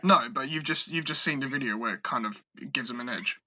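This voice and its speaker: Casual podcast co-host, male, sharp bright tone, dry close sound, stumbles over words. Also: medium pitch, fairly quick, dry recording. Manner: stammering, swearing, excitable. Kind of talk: casual chat.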